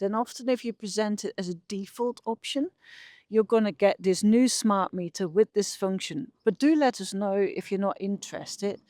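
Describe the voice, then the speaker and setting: A middle-aged Dutch woman from the Netherlands, a behavioural scientist, explains her research conversationally as an interview guest. Her voice is medium-pitched and a little mellow, captured with clean studio sound and no room echo.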